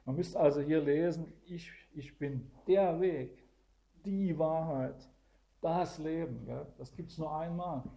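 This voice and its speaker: A man's voice: fairly high pitch, dark tone. A man teaching the Bible to a small group, explaining verses one by one and often adding "gell?" to check that listeners follow. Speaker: preacher.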